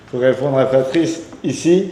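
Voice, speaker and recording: The host, a man of Iranian heritage, runs a casual interview chat in a slow, mellow, mid-range voice. He talks enthusiastically but restarts often, and the echoey room leaves a long reverb.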